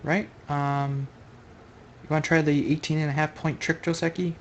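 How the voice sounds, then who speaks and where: A man's voice: a little high, little pitch movement, normal speed, slight background noise. A man commentating on his own online Go game in a loose, rambling way, thinking aloud and correcting himself mid-sentence, recorded at home at a computer. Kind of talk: casual live game commentary.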